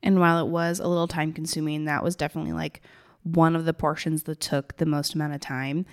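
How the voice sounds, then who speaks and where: A woman with a gravelly, tired morning voice, talking informally and ramblingly to listeners like a business coach. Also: low-pitched, little pitch movement, fast talker. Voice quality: gravelly, raspy. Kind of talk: casual solo talk to listeners.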